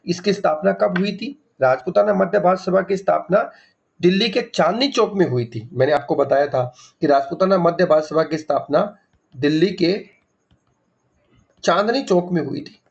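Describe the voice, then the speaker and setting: Man, coaching teacher, high gravelly voice, repeats each fact, quizzes and answers himself. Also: moderate pace, lo-fi sound. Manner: repeats key facts, asks and answers own questions; mixes English words into the explanation. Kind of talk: MCQ revision lecture.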